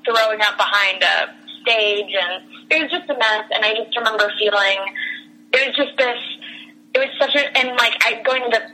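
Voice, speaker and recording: A woman's voice: on the high side, normal speed, sharp tone, a little hiss or hum, poor audio. A young woman casually telling a long personal story, rambling with lots of fillers and restarts and laughing as she goes. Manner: laughs through her story.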